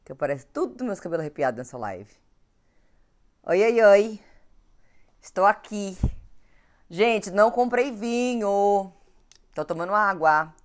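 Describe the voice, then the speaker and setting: A woman's voice: mid-range voice, lively intonation, moderate pace. A young woman from Brazil with a cold, chatting casually with viewers on a live stream and greeting them by name. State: has a cold. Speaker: nutritionist hosting an Instagram live. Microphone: home recording setup.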